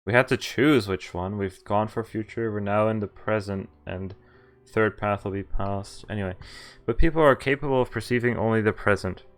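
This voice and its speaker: This streamer, a man with a fairly low voice at a moderate pace, reads a visual novel's text aloud. He punctuates the lines with laughs and casual asides that include mild swearing. Music plays behind the voice.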